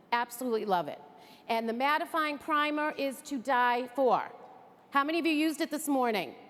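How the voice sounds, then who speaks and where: Her voice sits high with a fairly bright tone as she gives an upbeat stage presentation, a chatty training talk for an audience. She's from the Greater Boston area, and the hall echoes.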